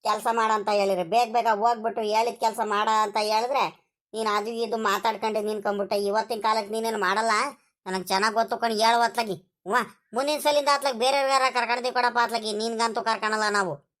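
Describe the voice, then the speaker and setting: A woman plays a worried village man in an animated cartoon, scolding and grumbling. His voice sits fairly high for a man. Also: quick pace, close to an everyday voice. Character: fretful village man, the rich man's brother-in-law.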